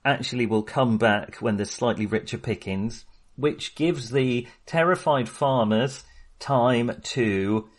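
A male podcast co-host talks casually and informally about films, with a chatty, mildly sweary manner. He speaks slowly at a medium pitch.

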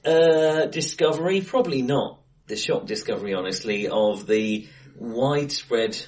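In a live-sounding, acoustically bright room, a man co-hosts a casual film podcast, chatting face to face with someone. He speaks unhurriedly at medium pitch with an expressive delivery.

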